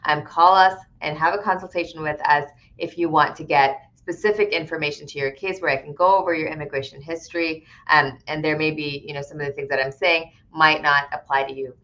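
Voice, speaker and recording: A woman's voice: deep voice, fairly even intonation, fairly quick, hardly any pauses, fairly bright tone, highs cut off. A woman immigration attorney answering viewer questions on a live stream in a conversational, explanatory way, with frequent "right?" tags and filler words. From Connecticut, USA.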